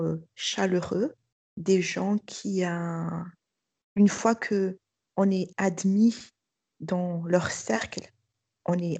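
Middle-aged woman talking about her years abroad, low gravelly voice, lots of euh and restarts, dry close sound. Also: darkish tone, no room sound. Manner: hesitant, many fillers and restarts. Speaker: school director. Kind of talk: testimony interview.

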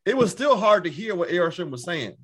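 A man's voice: sits high, sing-song, quick pace, a bit bright, husky. A man co-hosting a podcast, chatting casually, laughing often and repeating himself. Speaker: podcast co-host. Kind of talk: casual chat.

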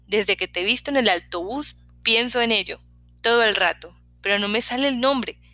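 Chatty young hairdresser, prying and lively, bright tone ; a woman reader doing her. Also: fairly high pitch, moderate pace, no room sound. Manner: talkative, prying, lively questions.

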